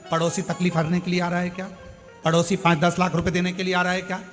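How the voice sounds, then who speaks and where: A man's voice: high voice, completely flat delivery, quick pace, a bit bright, soft background music. Dramatic preaching man in a hall. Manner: preaching in dramatic bursts, rhetorical questions. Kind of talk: sermon.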